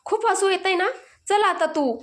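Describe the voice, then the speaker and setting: A woman's voice: high voice, normal speed, a bit bright. A woman voicing an irritable young man who scolds and snaps in a storybook tale. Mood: annoyed. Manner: snappish, scolding. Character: irritable young man, secretly scared, gruff.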